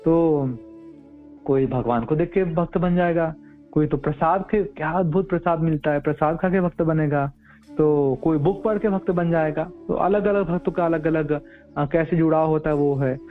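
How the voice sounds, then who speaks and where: Guy giving a devotional sermon, earnest storyteller, repeats himself a lot, high voice, faint music in the back. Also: fairly even intonation, normal speed. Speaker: preacher. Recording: tinny phone-like audio with faint music.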